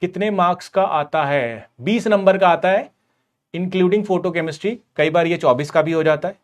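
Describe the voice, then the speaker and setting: A man's voice: high-pitched, unhurried. Chatty, teasing male chemistry teacher. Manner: chatty and teasing, addresses students as buddies; explains with everyday stories. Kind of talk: casual live online class.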